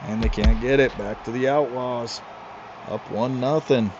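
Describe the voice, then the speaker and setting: Excitable male play-by-play commentator, slow-paced. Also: mid-range voice. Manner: excitable, chatty asides to co-hosts. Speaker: league commentator. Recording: slightly muffled with clear music behind.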